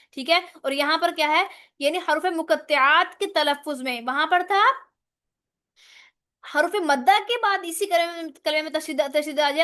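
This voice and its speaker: A woman teaching a tajweed lesson online, explaining step by step and checking with her students, with slow drawn-out recitation of letters. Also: sits high, fairly bright tone. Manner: explains step by step, often asks "right?".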